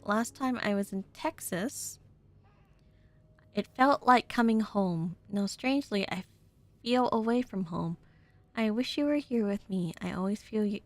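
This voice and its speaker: A woman streaming a game, reading its letters and dialogue aloud in a slow, expressive way, and turning playful and giggly between lines. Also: medium pitch. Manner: playful and giggly when ad-libbing. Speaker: VTuber streamer.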